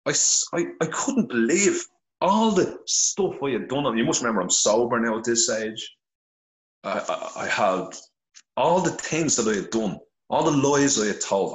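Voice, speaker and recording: A middle-aged man from Ireland, blunt and earnest and swearing heavily, tells his story candidly as a podcast guest over the phone. His voice is lowish, and with the phone held to his face the recording comes across reverberant and low-quality.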